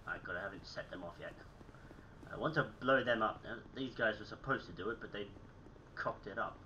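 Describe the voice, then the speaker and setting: A young gaming channel host with a fairly low voice speaks a little fast, pushed and bright, on a low-quality recording with slight background noise. His voice is slightly phlegmy and sick-sounding as he chats casually over gameplay from a small room at home. He's chatty and self-mocking, and clears his throat often.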